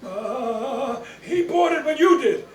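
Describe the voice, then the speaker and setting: An actor playing a hesitant doctor introducing passengers in an old-time radio comedy stage show. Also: male voice, very high voice, animated, slow pace, roomy sound, heavily acted. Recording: distant stage mic, audience and noise.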